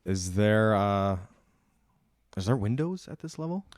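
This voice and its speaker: Low voiced guy playing a tabletop rpg, slow, lots of ums and uhs. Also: very animated, a little mellow, no room sound, studio quality. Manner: hesitant, with many fillers. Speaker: player.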